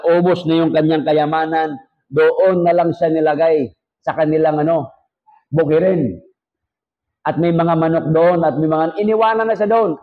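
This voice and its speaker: A man with a Filipino accent teaches his congregation like a pastor, peppering the lesson with joking asides and rhetorical questions. His voice sits a little high for a man. The recording is dull and lo-fi. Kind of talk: sermon-style teaching to a congregation.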